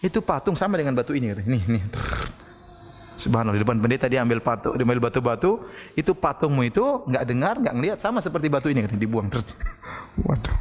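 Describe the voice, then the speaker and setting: A man giving a religious lecture, telling a story in a lively way and acting out the people in it. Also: medium pitch, quick pace, in a large hall. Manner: storytelling, animated, acts out quoted voices loudly. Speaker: preacher.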